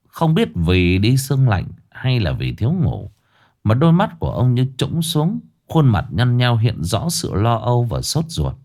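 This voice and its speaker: Low-voiced storyteller. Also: male voice, a little mellow. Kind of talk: ghost story narration.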